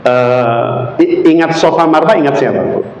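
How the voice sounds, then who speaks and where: A male Islamic preacher with a Javanese accent, giving an animated sermon and quizzing the audience with questions. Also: mid-range voice, moderate pace, crowd noise. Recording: echoey hall, faint background noise.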